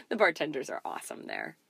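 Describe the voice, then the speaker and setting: A woman co-hosting a podcast, telling a story in casual chat, animated and laughing often. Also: deep voice, gravelly, slightly rough, dry recording. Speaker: podcast co-host.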